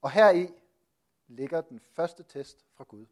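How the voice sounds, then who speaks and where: A man preaching and teaching on a Bible passage, asking lively rhetorical questions and pausing often with hesitations. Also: fairly high pitch.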